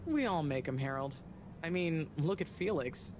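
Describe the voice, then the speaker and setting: An actress voicing Bridget, a friendly, talkative energy consultant who chats in a breezy, upbeat way. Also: female voice, low voice, animated, normal speed. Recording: game audio with ambient noise.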